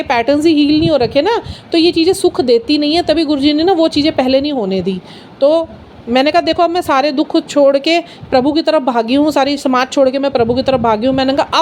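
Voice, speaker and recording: A woman's voice: sits high, darkish tone, a little hiss or hum. A middle-aged woman giving an earnest, personal spiritual talk, mixing in English phrases. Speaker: satsang speaker.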